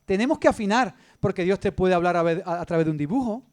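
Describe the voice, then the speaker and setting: A man with an Andalusian Spanish accent preaching a sermon as pastor, moving between loud emphasis and hushed storytelling. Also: high-pitched, animated, fast.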